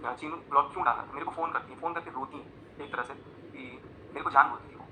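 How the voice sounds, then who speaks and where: A man's voice: mid-range voice, quick pace, bright, forceful tone, a little hiss or hum, poor audio. A man ranting live on his vlog, agitated and accusing, explaining events as he shows chat screenshots on his phone, with emphatic bursts between muttered asides. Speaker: vlogger. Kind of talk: live confessional rant.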